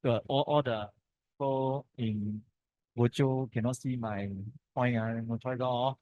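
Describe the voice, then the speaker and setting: A man's voice: mid-range voice, steady tone, unhurried, no room sound, dull audio. A man with a Malaysian accent giving an informal technical lecture in punchy, colloquial phrases full of sentence-final particles. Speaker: lecturer presenting to architects.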